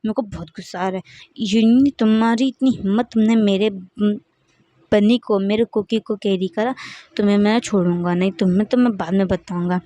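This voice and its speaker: A woman's voice: medium pitch, fairly even intonation, normal speed, warm tone, no echo, lightly acted. A woman voicing a jealous, possessive young man who scolds angrily in a storybook reading. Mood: angry. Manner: angry, scolding.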